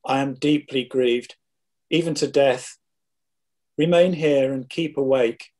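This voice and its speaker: A middle-aged man reading the part of a solemn teacher, Jesus, in a measured, declamatory way for a dramatized scripture reading. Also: mid-range voice, darkish tone, lightly acted. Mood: grieved. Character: Jesus, solemn adult male teacher foretelling his betrayal. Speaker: scripture reader.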